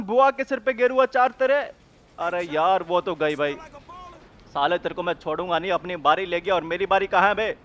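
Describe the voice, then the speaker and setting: A young man giving casual gameplay commentary at home, excitable and prone to shouty bursts, swearing playfully and calling everyone bro. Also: high-pitched, muffled recording, slight background noise. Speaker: gaming channel host. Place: home room with a cooler running.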